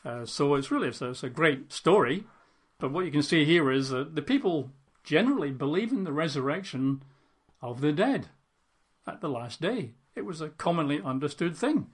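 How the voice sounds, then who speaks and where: A man with a husky, fairly high voice and lively intonation teaches from the Bible at a moderate pace. He reads the passage aloud, then breaks off into conversational commentary full of fillers and asides, dramatizing quoted lines.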